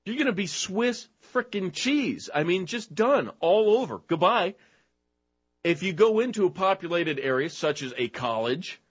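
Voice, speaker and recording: A man's voice: on the high side, a bit bright, slightly rough. A man hosting a talk show, ranting in combative commentary, mocking and name-calling his targets. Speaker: show host. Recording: dull lo-fi recording.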